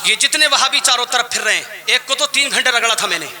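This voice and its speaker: A man preaching to a crowd with fierce passion, rising to shouts at his peaks. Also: very high voice, animated, fast, in a large hall, heavy background noise. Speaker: Islamic preacher. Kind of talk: fiery religious speech.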